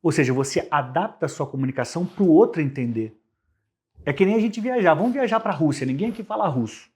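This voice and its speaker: Brazilian male guest, husky voice, raised pitch, lively explainer. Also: fast talker. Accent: Brazilian Portuguese. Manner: animated, explains with vivid everyday examples. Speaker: guest, communication specialist. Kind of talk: conversational podcast interview.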